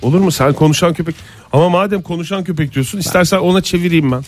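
A man co-hosting a morning radio show, telling news stories in a dry, joking way with drawn-out pauses. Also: on the high side, soft background music. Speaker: radio co-host.

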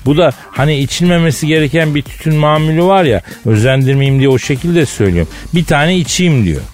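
A man's voice: fairly high pitch, lively intonation, fast, darkish tone, faint music behind. A man hosting a radio show with casual, slangy, mock-indignant comedic banter.

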